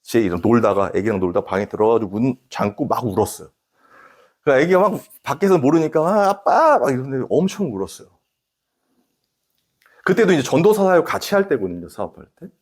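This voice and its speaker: Korean pastor guy in his 40s preaching, pitch jumps all over, asks the church questions, loud then quiet. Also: fast, husky. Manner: animated preaching, rising emphatic peaks, drops to hushed asides; addresses congregation directly with questions. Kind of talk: sermon.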